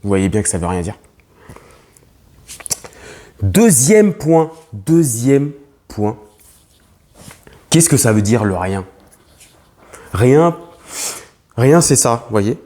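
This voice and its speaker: A man's voice: on the low side, lively intonation, unhurried, pauses often, a little mellow. Young man, investor vlogger, emphatic, repeats himself, restarts, fillers. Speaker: real estate investor vlogger. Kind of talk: talking to camera as a lesson.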